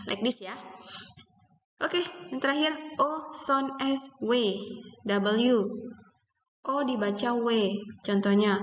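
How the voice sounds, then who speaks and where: A woman with an Indonesian accent teaching English grammar, slowly spelling out letters and repeating examples. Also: a little high. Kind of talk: explaining English grammar lesson. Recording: roomy, reverberant, dull with faint noise.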